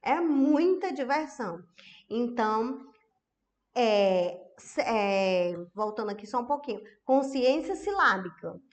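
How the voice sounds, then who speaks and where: A woman's voice: fairly high pitch, lively intonation, takes it slowly. Chatty woman teaching. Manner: chatty, tag questions to the audience. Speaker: educational psychologist. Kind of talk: online masterclass.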